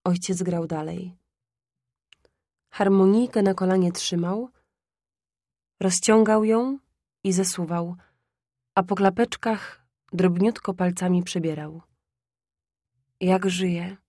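Calm woman reading a classic story. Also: on the low side, slow, pauses often, no room sound, clean studio sound. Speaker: audiobook narrator. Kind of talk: scripted literary narration.

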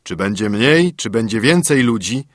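A man voicing a huge, haughty male spirit freed from a bottle in a fairy tale, speaking slowly and threateningly. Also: lively intonation, no echo, clean studio sound, close to an everyday voice. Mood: menacing. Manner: slow, booming and threatening. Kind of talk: storybook narration.

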